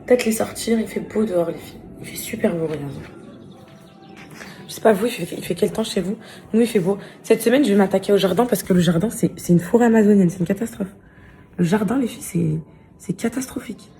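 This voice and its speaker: A young woman talks into her phone at home, sounding worn out and sleepy. Her voice is mellow and warm, and she rambles fondly to her followers, trailing off with fillers. A faint hum of the room sits behind her. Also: medium pitch, quick pace. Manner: chatty, addresses viewers fondly, trails off with fillers. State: tired. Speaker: vlogger. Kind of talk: casual chat to camera.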